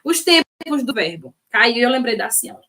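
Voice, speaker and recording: A woman teaching an online exam-prep lesson in a lively, chatty way, often stretching out key words. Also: on the high side. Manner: lively, chatty, frequent "ó" and "né", drawn-out stressed words. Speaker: Portuguese teacher.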